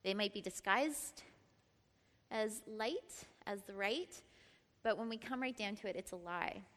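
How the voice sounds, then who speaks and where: A middle-aged woman leading a church Bible study, lively and often laughing as she prompts the group. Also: medium pitch, measured pace. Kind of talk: Bible teaching talk. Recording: long reverb in a large room.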